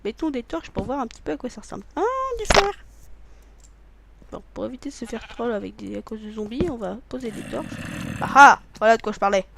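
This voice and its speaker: High-voiced guy rambling over gameplay. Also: rapid-fire, gravelly, hardly any pauses, very noisy. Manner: rambling, joking, punning, talks to himself and viewers; swears casually, bursts into loud exclamations. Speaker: gaming video maker. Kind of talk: let's play commentary.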